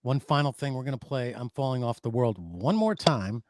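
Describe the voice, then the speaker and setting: A man's voice: medium pitch, animated, normal speed, a little mellow, no echo, studio quality. A man hosting a music interview, chatting with his guest. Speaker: interview host. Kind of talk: broadcast interview chat.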